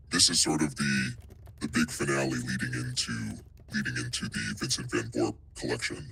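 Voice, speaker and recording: A man talking through a voice changer that shifts his pitch very deep, giving earnest, explanatory answers in a casual online Q&A. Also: gravelly, bright, forceful tone, a little hiss or hum, poor audio. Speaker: NFT art project representative answering questions.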